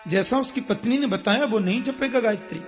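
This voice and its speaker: A man's voice: very high voice, brisk. A man telling a devotional story as a sermon, acting out the characters expressively. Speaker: religious storyteller. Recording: echoey hall with faint music.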